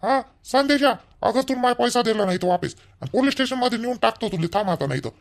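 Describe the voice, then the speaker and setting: A man playing an angry young son-in-law who demands money, shouting and rough. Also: extremely high pitch, lively intonation, quick pace, exaggerated voice. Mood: furious.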